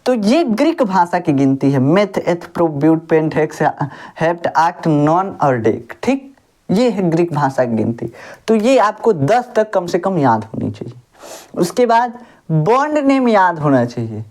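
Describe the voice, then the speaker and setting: A woman's voice: lowish voice, big pitch swings, unhurried, warm tone. A woman teaching a school chemistry lesson. She speaks in a folksy way, calls her students babu, and asks the class questions that she answers herself. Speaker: science teacher.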